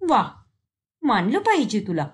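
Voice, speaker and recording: A woman's voice: a little high, sing-song, a little slow. A woman voicing an accusing young daughter-in-law. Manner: sharp, accusing.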